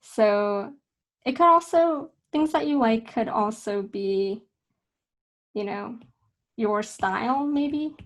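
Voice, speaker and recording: A young woman teaching a casual drawing lesson, talking in a relaxed, chatty way with fillers and self-corrections. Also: on the high side, takes it slowly, long pauses. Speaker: art instructor.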